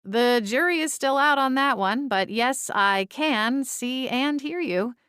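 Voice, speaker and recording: Woman acting as kindly female ghost-seer, gentle, conversational, reassuring, dry studio sound, audiobook dialogue. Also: high-pitched, lively intonation, takes it slowly, clean tone, no echo, pitched above the performer's own voice, full character voice. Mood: calm, friendly.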